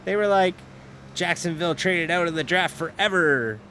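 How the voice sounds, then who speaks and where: A crowd can be heard behind this high-voiced man as he streams a sim race. His talk is casual live-stream chatter that meanders between driving calls, full of self-interruptions and restarted sentences, and he laughs readily.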